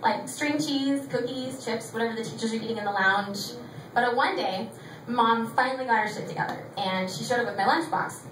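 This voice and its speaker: A woman's voice: fairly high pitch, a little fast. Woman comedian, 30, stand-up set, profane and self-mocking, roomy distant recording, noisy. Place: small theatre stage with audience laughter.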